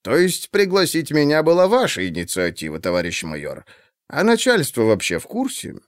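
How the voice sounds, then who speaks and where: A man doing a courteous, measured professor. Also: fairly high pitch, huge pitch swings, no room sound, clean studio sound. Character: polite, measured male professor.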